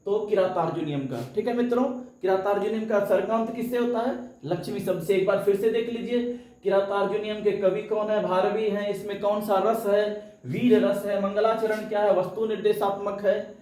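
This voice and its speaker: A man's voice: high voice, steady tone, moderate pace, a little mellow, reverberant, rough recording. A man teaching a live coaching lesson. He asks questions and answers them himself, and sometimes chants verses.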